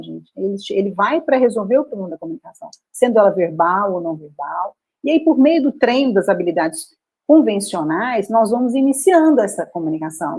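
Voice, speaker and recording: A woman's voice: mid-range voice, darkish tone, husky, low-quality recording. A woman with a Brazilian accent, a speech therapist explaining her work in a live conversation, often adding tag questions.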